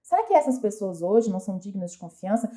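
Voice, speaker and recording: A woman with a Brazilian Portuguese accent speaks quickly in a mellow, medium-pitched, very animated voice. She gives an earnest, reflective motivational talk as a self-help speaker, asking herself many questions aloud and often restarting.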